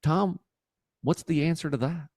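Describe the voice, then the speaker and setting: A man's voice: fairly high pitch, a little slow, darkish tone, no room sound. Upbeat male podcast host, dry sound. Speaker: podcast host and business coach. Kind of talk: podcast interview.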